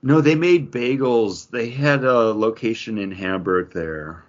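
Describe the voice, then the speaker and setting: An American man from western New York co-hosts a podcast, speaking at a measured pace with a mid-range voice. His talk is casual, rambling and anecdotal, and he repeats himself for emphasis, all on dull, lo-fi audio.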